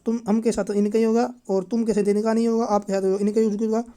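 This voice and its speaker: A woman teaches an exam-prep grammar lesson in a mellow, warm voice of middling pitch. She chants through lists of word forms one after another. She keeps adding quick reminders to remember each point, her voice dropping softer each time. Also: level tone. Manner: repeats "ठीक है" and "इतना याद रखना है" as fillers.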